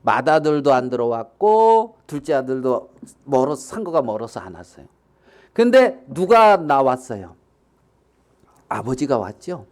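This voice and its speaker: A man's voice: medium pitch, unhurried. A male pastor giving a sermon, asking the congregation questions and acting out the quotes he reads. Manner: animated, acts out quotes, asks the audience questions.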